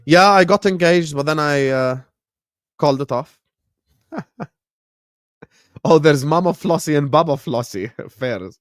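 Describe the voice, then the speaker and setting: A man's voice: a little high, expressive, unhurried, pauses often, no echo, studio quality. A man in his late twenties from the Gulf, hosting a football watchalong live stream with slangy, laid-back chat. He chuckles often and answers viewers directly. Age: late 20s. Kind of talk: casual chat, reacting to a match and reading chat.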